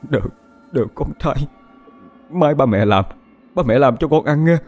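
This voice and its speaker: A man voicing an older grieving father who speaks haltingly. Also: on the high side, animated, a little mellow, soft background music, voice pushed up. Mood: shaken. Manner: halting, hesitant with many "ờ". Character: older grieving father, shaken, plain-spoken.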